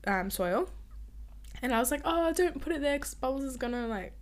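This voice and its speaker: A woman's voice: high voice, expressive, a little fast. A young woman co-hosting a podcast in casual, rambling, giggly chat, her voice a little off and limited in volume from a recovering sore throat. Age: young adult. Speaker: podcast co-host.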